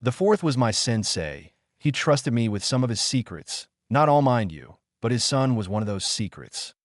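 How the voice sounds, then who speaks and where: A man reading the lines of a calm adult ninja teacher, dry and matter-of-fact. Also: mid-range voice, moderate pace, no echo, lightly acted.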